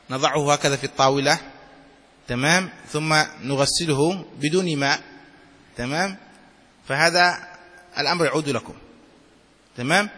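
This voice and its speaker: A man's voice: on the high side, sharp tone, slightly rough. A man teaching Islamic law to a class, reading a text aloud and explaining it, often checking that his students follow. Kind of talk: classroom lecture on a fiqh text. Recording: hall reverb.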